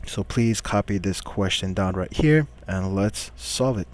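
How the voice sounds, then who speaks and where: Patient low-voiced man teaching math. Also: a little slow. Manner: patient, step-by-step questioning, asks and answers himself. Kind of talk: recorded math lesson walkthrough.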